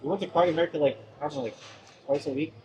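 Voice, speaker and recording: A man's voice: a little high, rapid-fire, warm tone, lo-fi sound. A man chatting casually at a table, rambling and filling his talk with "like". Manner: rambling, full of "like". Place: busy buffet restaurant. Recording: crowded buffet chatter behind.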